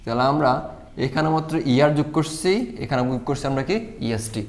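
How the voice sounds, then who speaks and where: Fast-talking male grammar teacher. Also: fairly high pitch. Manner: repetitive explaining, asks and answers own questions. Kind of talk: English grammar lesson.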